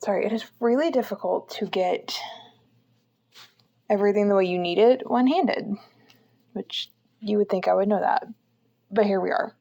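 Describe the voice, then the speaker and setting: Young woman, mid-pitched, casual and candid knitting-tutorial vlogger recording on a phone at home. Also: moderate pace, gravelly, long pauses, mellow. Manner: chatty and candid, frequent ums. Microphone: phone on a stand.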